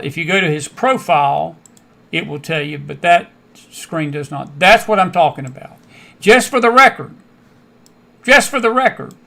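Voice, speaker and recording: A man's voice: sits high, vocal fry, pushed and bright. An American man hosting a political commentary show, emphatic and prone to repeating his phrases for stress. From United States. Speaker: host; Bible teacher.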